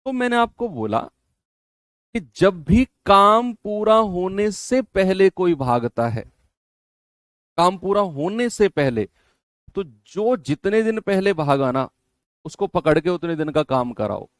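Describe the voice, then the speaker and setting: A man teaches an exam-prep maths lesson in a smooth, resonant voice pitched somewhat high. He walks through every step, says key phrases twice and chides his students with gentle firmness. The sound is dry and close. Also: lively intonation, slow pace, dry recording.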